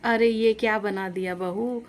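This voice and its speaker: A woman's voice: mid-range voice, steady tone, measured pace, lightly acted. Woman playing a stubborn old-fashioned mother-in-law. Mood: annoyed. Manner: complaining, insistent. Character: stubborn traditional middle-aged mother-in-law.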